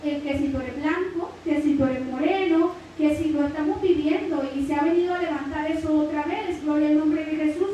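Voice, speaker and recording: A high-pitched woman from Mexico with a Guerrero accent teaches a Bible lesson in preaching style. She fills it with "amen," praise phrases and calls of "brother." The voice comes from a distance in a heavily reverberant church hall with a faint hiss underneath. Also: fairly even intonation, normal speed, hardly any pauses, dark tone. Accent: Mexican Spanish, Guerrero.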